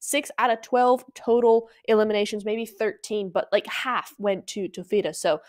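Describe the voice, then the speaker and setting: A woman commentating a live esports broadcast in an everyday middle-pitched voice. She talks in a chatty, excitable way, jumping between exclamations and stat read-outs. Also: moderate pace. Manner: animated, exclaiming, chatty co-caster. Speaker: esports caster.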